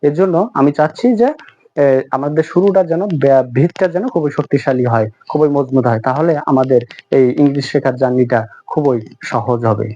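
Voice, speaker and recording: A man teaching a spoken English lesson, who explains patiently, repeats himself, uses many fillers, and reads example sentences very slowly. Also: medium pitch, mellow, lo-fi sound.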